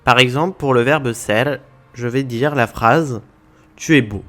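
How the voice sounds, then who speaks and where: A man's voice: medium pitch, a little slow, sharp tone, soft background music. A man explaining a language point to viewers in a methodical lesson, walking through examples one by one. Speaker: language teacher.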